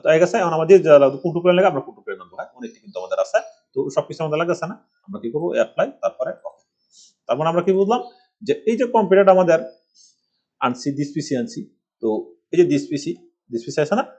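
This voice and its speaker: Speaking rapid-fire in an animated, somewhat high and slightly mellow voice, a middle-aged man from Bangladesh runs a screen-recorded computer lesson from a village home. The instructor wanders from point to point, asking rhetorical questions along the way.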